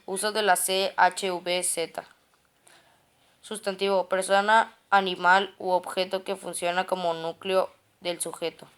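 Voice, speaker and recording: Woman, clear smooth voice, reads grammar notes aloud term by term, stumbles and restarts often. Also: lowish voice, level tone, unhurried. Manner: reads a list of terms and definitions, with frequent restarts on words.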